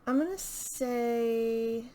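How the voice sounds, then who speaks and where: A woman hosting a video channel chats casually to camera about books, unscripted, hesitant, and thinking aloud as she goes. Her voice is on the high side and mellow, with drawn-out words.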